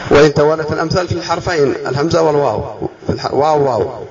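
Lively man teaching a class, quizzing. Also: on the high side, lo-fi sound, a little hiss or hum. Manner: lively, quizzing students with questions; drawls out key words slowly. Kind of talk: classroom lesson.

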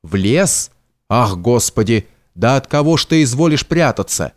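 Male narrator doing an old house steward: homely, coaxing, unhurried, mid-range voice. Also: medium pitch, very animated, close to an everyday voice. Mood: fretting. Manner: homely folksy speech, slow and soothing. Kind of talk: audiobook character reading.

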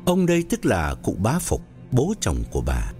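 Man narrating with sweeping pitch. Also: wildly swooping pitch, darkish tone, soft background music. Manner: measured storytelling with wide pitch swings. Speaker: audiobook narrator. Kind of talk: scripted story narration.

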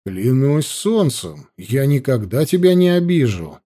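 A man's voice: medium pitch, sing-song, warm tone. Man doing a cold young werewolf chieftain. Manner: cold, measured, evasive.

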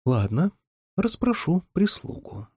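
A lively, teasing young woman with a husky, mellow tone, as a male reader puts her on. She sits a little higher than the narration, with a dry, close sound in an audiobook. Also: slow, no room sound, heavily acted. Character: young woman, royal adviser, spirited and teasing. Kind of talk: audiobook character reading.

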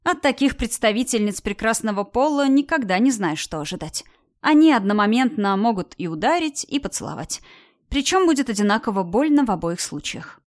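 A woman narrating a story in an even, expressive reading voice. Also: on the high side, brisk. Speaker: audiobook narrator. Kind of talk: scripted narration.

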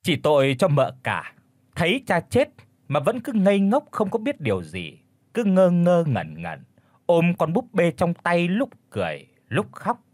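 A man's voice: high-pitched, huge pitch swings, unhurried, a little mellow, no echo. A man narrating a ghost story with dramatic expression. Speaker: audiobook narrator.

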